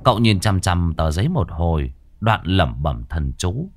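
A man's voice: low-pitched, big pitch swings, a little slow, darkish tone. A man telling a ghost story in a dramatic, suspenseful way.

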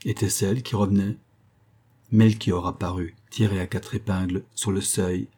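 A male narrator reads a novel aloud in a measured, even way. His voice is low and dark, with a husky grain. The pacing stays steady throughout. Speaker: audiobook narrator. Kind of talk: scripted literary narration.

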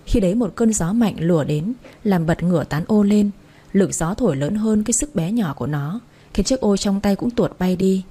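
A woman narrating an audiobook story in a steady, emotive storytelling manner. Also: medium pitch, normal speed, breathy edge.

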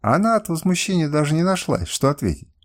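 A man narrating an audiobook in the first person with a measured, expressive reading. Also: a little high.

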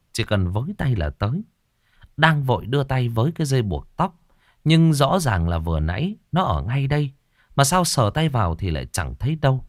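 A man narrating a ghost story in a lively, dramatic way. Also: medium pitch, no room sound, clean studio sound.

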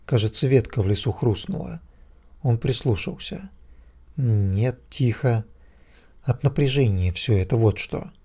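A man narrating a story in a calm, measured audiobook reading. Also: mid-range voice, slightly rough.

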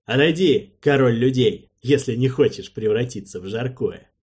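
A man voicing a proud, fierce captive male dragon in an audiobook, booming and exclamatory, with a husky voice. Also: moderate pace, a little mellow, lightly acted. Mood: roaring. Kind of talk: audiobook character voice.

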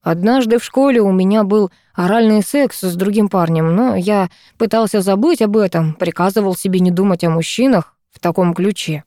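A woman's voice: medium pitch, moderate pace, hardly any pauses, warm tone, no room sound, clean studio sound, lightly acted. A woman reading an audiobook, voicing a meek, guilty young man who mumbles his apologies.

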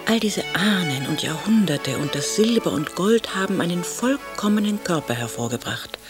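An actress playing a witty woman novelist, reading her letters in a dry, ironic, softly spoken voice over faint music. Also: on the low side, expressive, moderate pace, natural voice. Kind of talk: radio drama reading of letters.

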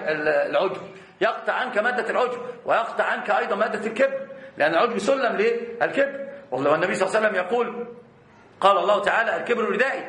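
Fast, bright-voiced man teaching. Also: high-pitched, reverberant. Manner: rapid, restarts words, stammering repeats. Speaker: religious teacher. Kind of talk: Islamic creed lesson.

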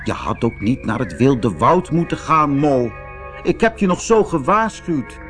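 A man voicing a brave, bossy male water rat who looks after his friend, talking in a brisk, urging way. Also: medium pitch, big pitch swings, music in the background.

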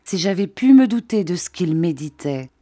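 A grief-stricken fisherman uncle insists on leaving to find his niece, voiced by a woman. The tone stays low and mellow, close to the reader's own. The recording is dry. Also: measured pace, no echo. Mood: distraught. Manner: impatient, insistent.

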